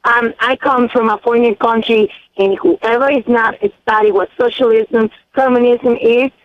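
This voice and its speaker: A woman's voice: a little high, fairly even intonation, normal speed, no echo. A woman from El Salvador calling into a radio show, speaking earnestly and hesitantly with many ums. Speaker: caller. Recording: tinny phone line.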